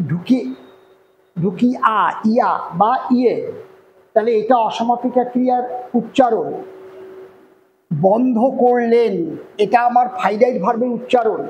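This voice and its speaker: High-voiced Bengali man teaching grammar. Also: a little mellow, slight background noise, rough recording. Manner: explains step by step, often checks "clear?". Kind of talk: online grammar lesson.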